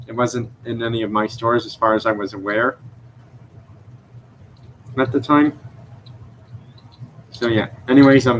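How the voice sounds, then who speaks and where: A young man with a mid-range voice chats on a live stream, showing off his toy car collection. He rambles with lots of fillers and hesitant self-corrections. The rough computer-mic recording carries a slight hiss or hum.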